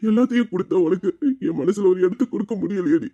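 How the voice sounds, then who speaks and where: A man's voice: high voice, fast, dark tone, dull audio. A man playing a remorseful husband who sobs and pleads with his devoted wife in an audio drama, his voice breaking between laughter and tears. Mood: sobbing.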